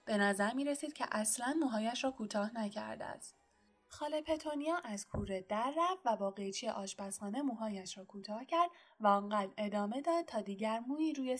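A woman narrating an audiobook in a steady, measured reading style. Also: fairly high pitch. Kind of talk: scripted storybook narration.

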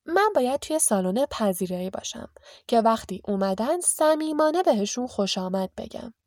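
A fussy, fawning middle-aged housewife gushes in a shrill, high voice, as a woman reading the story puts her on. Every compliment is pushed up and eager. The sound is dry and close to the mic. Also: lively intonation, a little mellow, dry recording. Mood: gushing.

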